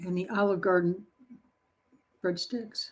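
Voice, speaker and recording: A woman's voice: lowish voice, fairly even intonation, measured pace. A woman hosting a home baking livestream, chatting casually and answering viewer comments in a playful, encouraging way. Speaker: baking channel host.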